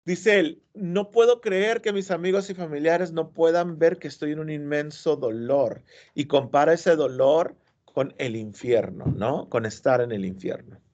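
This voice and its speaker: A man's voice: a little high, a little slow, a little mellow. Male teacher lecturing a class on a story, keeps asking students questions, muffled classroom recording. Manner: explanatory, asks the class check questions. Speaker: high school literature teacher.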